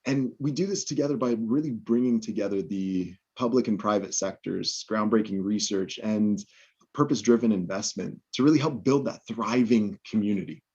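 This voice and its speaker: A man's voice: fairly low pitch, normal speed, darkish tone, breathy edge, highs cut off. A man introducing himself on a video-call panel, upbeat and chatty, with frequent fillers and restarts. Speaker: head of a startup support organization.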